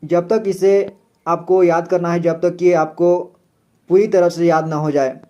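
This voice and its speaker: A man teaching the Hindi alphabet in a slow, patient way, repeating each letter and its example word. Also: sits high, steady tone, dark tone, dull audio. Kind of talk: slow step-by-step alphabet lesson.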